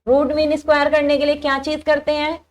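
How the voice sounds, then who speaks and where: Young female lecturer, high-pitched, patient step-by-step explainer who poses and answers her own questions. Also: monotone, fairly quick. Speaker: teacher. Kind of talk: engineering lecture.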